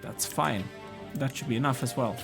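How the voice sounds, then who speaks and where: A man's voice: mid-range voice, normal speed, gravelly, over music. A tired, yawning man casually commenting as he plays a strategy game, musing aloud and chatting to the characters on screen. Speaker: let's play gamer.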